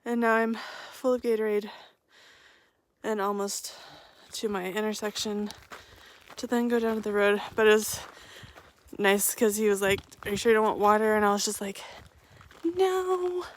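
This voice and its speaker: In this casual vlog monologue, a young woman hikes a trail while holding her camera, talking at normal speed in a mid-range, level voice. As a thru-hiker, she rambles, gets emotional, and laughs from time to time.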